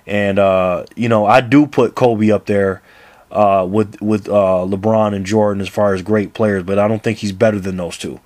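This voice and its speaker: Low-voiced man in his thirties, laughing often. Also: fairly even intonation, normal speed, darkish tone, no room sound. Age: 30s. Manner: laughs often, rambling with restarts. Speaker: basketball vlogger. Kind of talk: casual to-camera rant.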